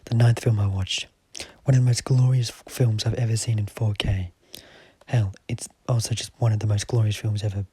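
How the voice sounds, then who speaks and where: Young man, deadpan vlog narrator, dark low tone, dry half-whispered reads. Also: husky, no echo, low-quality recording. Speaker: movie ranking vlogger. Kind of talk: scripted voice-over narration.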